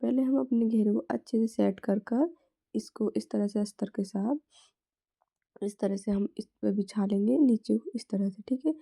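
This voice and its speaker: Hoarse gravelly woman walking thru a sewing lesson, dark sound, keeps saying theek hai, slips into whispers. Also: mid-range voice, normal speed. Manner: repeats "is tarah se" and "theek hai" constantly; drops to a whisper at times. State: hoarse, sore throat. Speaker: sewing tutor. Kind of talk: step-by-step sewing tutorial.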